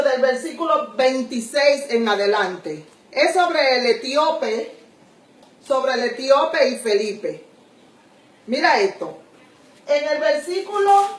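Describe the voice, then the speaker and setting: High slow-speaking woman teacher. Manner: addresses listener directly with questions, repeats examples slowly. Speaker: Bible grammar teacher. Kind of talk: slow explanatory lesson. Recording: echoey room, voice from far off.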